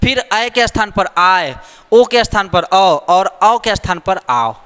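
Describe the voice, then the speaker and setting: A man's voice: high-pitched, lively intonation, unhurried, a bit bright, clear, resonant tone, long reverb tail. A man teaching a grammar lesson, repeating the rules and asking rhetorical questions to check that students follow. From India.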